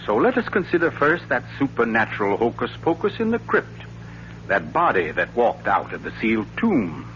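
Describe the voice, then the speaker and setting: An actor playing a suave, wry writer-sleuth with a pompous, deliberate and teasing delivery in a 1940s radio thriller. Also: male voice, mid-range voice, wildly swooping pitch, a bit bright. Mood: triumphant, accusing. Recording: dull, noisy, humming 1940s radio recording.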